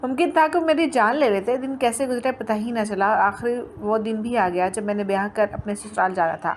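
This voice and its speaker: A woman reading a first-person story aloud in a plain, steady way, with small restarts. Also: fairly high pitch, slight background noise.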